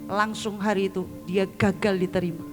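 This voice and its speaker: A woman evangelist preaching a lively sermon to a congregation, calling on them for amens and asking them questions. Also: mid-range voice, normal speed, big-room sound, over music. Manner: lively, addresses congregation as "saudara", asks for amens. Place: church hall before a congregation.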